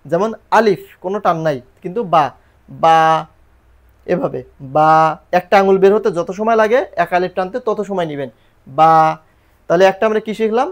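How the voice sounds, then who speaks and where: A man's voice: sits high, quick pace, few pauses. A man teaching Quran reading and the Arabic alphabet in a recorded lesson, patiently repeating letters and drilling pronunciation.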